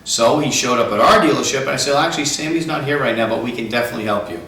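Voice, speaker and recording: Racing along in a pushed, bright, medium-pitched voice, a man teaches car sales, hammering home his instructions step by step. It was recorded from a distance in a reverberant room with some faint noise.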